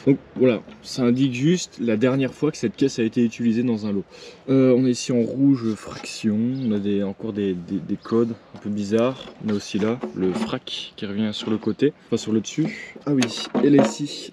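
A man's voice: mid-range voice, a little fast. A man, casually showing his militaria collection, hesitant with many fillers. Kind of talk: casual show-and-tell vlog. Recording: clear background noise with clicks.

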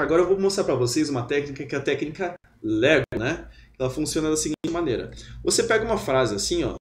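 Lively man teaching, roomy sound. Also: fairly high pitch, slight background noise. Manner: lively, chatty teaching with repeated drills. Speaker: German teacher. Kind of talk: webinar lesson. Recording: roomy echo.

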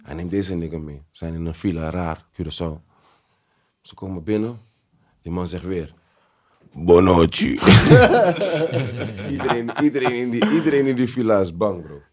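A man hosting a podcast, telling stories in a casual, animated way full of street slang. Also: deep voice, a little fast. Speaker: podcast host. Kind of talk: casual chat.

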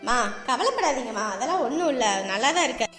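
A woman's voice: high-pitched, animated, fast, music in the background, voice pushed down. Woman playing a stern scolding doctor. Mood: exasperated scolding. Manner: stern, lecturing, exasperated. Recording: echoey room with long reverb.

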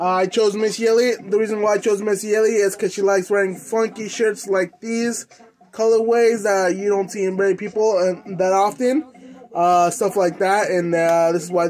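A young man with an American accent talks to the camera in a casual unboxing style. His delivery is informal and slangy, moving along in halting phrases. He sounds like he is indoors, a short distance from the camera. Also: high voice, fairly even intonation, darkish tone. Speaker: host of a clothing collecting channel. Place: indoors in a room at home.

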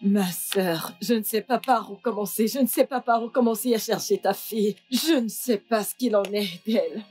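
A woman's voice: mid-range voice, moderate pace, darkish tone, faint music behind, lightly acted. A woman dubbing a woman accused of kidnapping into French, pleading her innocence and praying. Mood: anxious. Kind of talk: French film dub.

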